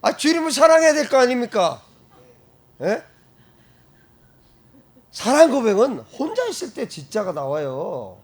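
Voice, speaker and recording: A male pastor preaching an animated sermon, breaking into loud shouted exclamations and frequent laughter. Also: very high-pitched, a little slow, pauses often, slightly rough.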